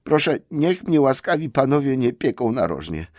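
A man's voice: medium pitch, sing-song, normal speed, darkish tone, no echo, clean studio sound, pitched above the performer's own voice, lightly acted. Man voicing a timid hobbit, small, frightened, breathless, pleading, storybook.

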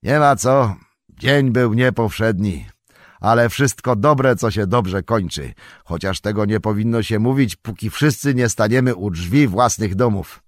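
A man voicing a gruff, talkative middle-aged hobbit farmer who speaks loudly and bluntly in a raised voice. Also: fairly low pitch, measured pace, no echo, studio quality, pitched above the performer's own voice, natural voice. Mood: homely. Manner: loud, blunt, homely and talkative.

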